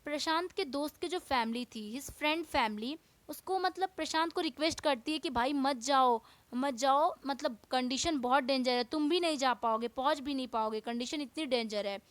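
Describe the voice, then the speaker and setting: A woman teacher explaining a textbook chapter, reading English lines slowly and then explaining them at length. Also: sits high, no room sound.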